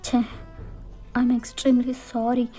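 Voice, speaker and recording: A flustered young college girl stammers, pleads and apologizes, played by a woman reader. Her voice runs high and mellow, and faint music sits behind this storybook voice-over. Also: completely flat delivery, measured pace, close to an everyday voice.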